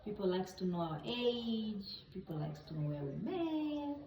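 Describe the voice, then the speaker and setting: A woman's voice: mid-range voice, very animated, a little slow, muffled recording, background noise. Tanzanian woman in her thirties, mid voice, earnest co-host with phrasing, roomy echo. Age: 30s. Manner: earnest, non-native grammar. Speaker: vlog co-host. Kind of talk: casual chat.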